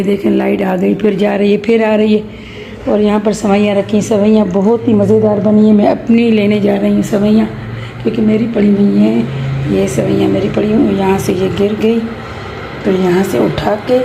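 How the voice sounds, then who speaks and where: A woman's voice: mid-range voice, gravelly. A middle-aged mother chatting casually through a home cooking vlog, rambling and teasing, filmed on a phone in her kitchen. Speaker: vlogger and mother. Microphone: phone camera. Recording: echoey room with background noise.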